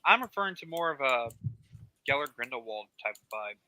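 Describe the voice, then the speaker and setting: A man co-hosting a podcast, excitable and profane in casual banter. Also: medium pitch, normal speed, slight background noise, low-quality recording. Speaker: podcast co-host.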